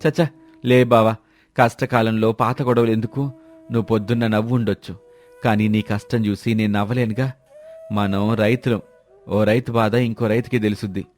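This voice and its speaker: A man voicing a cautious, kind-hearted village farmer who speaks in a steady, earnest way. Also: fairly low pitch, normal speed, pauses often, faint music behind, lightly acted. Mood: kindly. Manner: steady, earnest, shouts commands when urgent.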